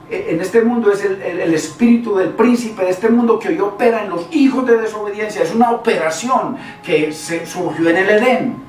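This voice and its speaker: A man preaching a sermon in a conversational way, repeating words and putting rhetorical questions to the listeners. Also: high-pitched. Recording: echoey room, voice from far off, faint noise.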